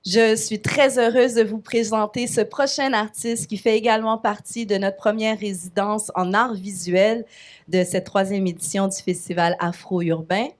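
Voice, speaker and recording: A woman's voice: mid-range voice, fairly even intonation, normal speed. Woman hosting a festival opening, upbeat, asks lots of questions. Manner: enthusiastic, warm questioning. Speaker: festival host. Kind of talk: event interview.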